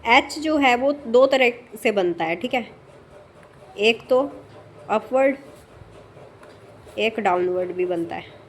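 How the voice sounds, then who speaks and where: Softly explaining woman shorthand teacher. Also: a little high, lively intonation, slight background noise. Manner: explains slowly with many fillers and "theek hai" checks. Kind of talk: casual spoken lesson.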